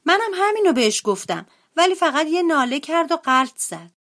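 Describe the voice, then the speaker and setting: A woman's voice: sits high, big pitch swings, fairly bright tone, pitched above the performer's own voice, exaggerated voice. A woman voicing a sleepy young boy bear cub in a read-aloud storybook. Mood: explaining.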